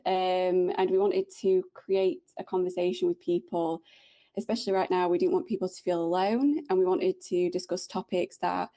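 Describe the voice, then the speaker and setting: A woman's voice: lowish voice, mellow. A woman in her twenties with a Yorkshire accent, co-hosting a casual podcast chat, bubbly and enthusiastic. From Yorkshire, England. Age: 20s. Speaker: podcast co-host.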